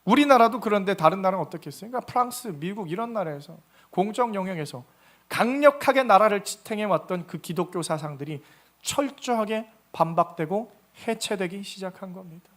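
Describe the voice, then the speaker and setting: High-voiced Korean pastor preaching animatedly. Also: male voice, animated, a little fast, a bit bright. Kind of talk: sermon.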